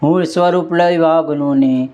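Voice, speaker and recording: A man voicing the god Shiva as a calm divine male figure, chanting verse in a steady melody in a dull lo-fi recording. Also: a little high, a little slow, lightly acted. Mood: reassuring.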